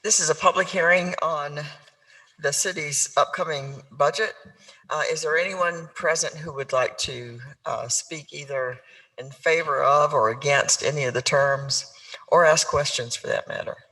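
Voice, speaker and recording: A man presides over a council meeting as mayor, reading ordinances and calling votes in formal, polite language. His voice is bright and forward and sits slightly high. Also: a little slow, low-quality recording. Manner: formal, courteous procedural phrasing. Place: council chamber.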